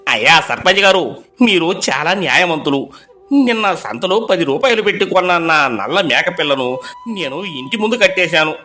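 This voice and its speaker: A man voicing a fussy villager pleading over his lost goat in a storybook tale, in a high, pleading voice. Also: expressive, brisk, sharp tone, soft background music. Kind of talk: storybook voice acting.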